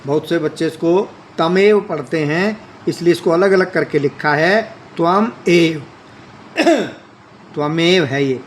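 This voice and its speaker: A man's voice: a little high, slow, a little hiss or hum. A man teaching a Sanskrit lesson, reading lines aloud and then explaining them. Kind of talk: classroom explanation.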